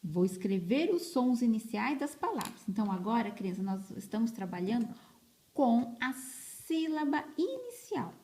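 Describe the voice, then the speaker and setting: A woman, a teacher giving an early literacy lesson to children, stretching words slowly and repeating each syllable with emphasis, recorded on a phone. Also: fairly high pitch, very animated, mellow.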